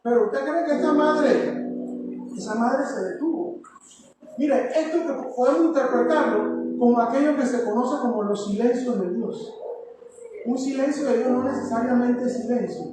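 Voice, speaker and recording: A woman's voice: high voice, normal speed, background noise. A woman with a Panamanian accent preaching a sermon, emphatic and exhorting, repeating her appeals to the listeners. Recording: echoey hall from far off with music.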